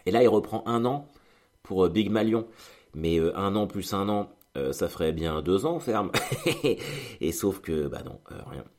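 A man's voice: sits low, lively intonation, a little slow, darkish tone. A man telling a rambling, chatty story in a casual monologue, with many fillers and restarts and acted-out bits of dialogue.

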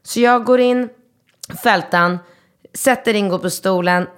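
A woman in her thirties from Sweden, co-hosting a casual chat and telling stories with animated, loud acted-out quotes. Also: mid-range voice, clear, resonant tone. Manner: lively storyteller, acts out quotes loudly. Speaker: podcast co-host.

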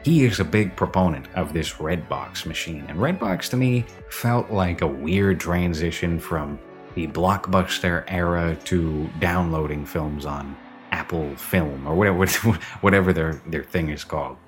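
A man's voice: low voice, a little slow, soft background music. A man hosting a podcast, rambling and opinionated in casual film review chat, recorded with reverb in an empty basement. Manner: rambling, opinionated, self-correcting. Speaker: podcast host.

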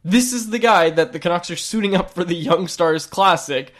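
A man with a stuffy, nasal voice from a lingering cold talks in an eager, fast podcast chat. His voice sits a bit above the usual male range, and he often restarts his sentences as he gets excited. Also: high voice. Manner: quick, excitable, trailing restarts. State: sick, recovering from a cold. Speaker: podcast co-host. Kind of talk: casual sports podcast chat.

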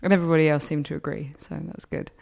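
A woman hosting a magazine podcast conversationally, her voice somewhat gravelly and slightly tired. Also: sits low, steady tone, fast, a little mellow. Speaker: podcast host.

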